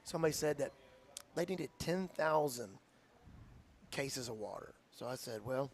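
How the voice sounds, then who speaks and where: Earnest coach, faint ambience. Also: male voice, mid-range voice, animated, measured pace, slight background noise. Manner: earnest, heartfelt storyteller. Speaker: high school football coach. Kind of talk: radio interview talk.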